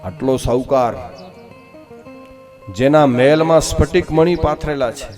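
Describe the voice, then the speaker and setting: A man's voice: mid-range voice, measured pace, faint music behind. Dramatic storyteller man. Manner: dramatic, swings loud and soft, chants verses. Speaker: religious storyteller. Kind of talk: devotional scripture retelling.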